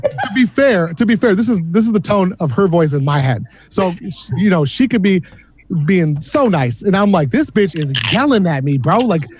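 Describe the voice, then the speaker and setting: Man, high voice, lively, swears, acts out quotes, faint noise behind. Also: normal speed. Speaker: host. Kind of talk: casual storytelling chat. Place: video call.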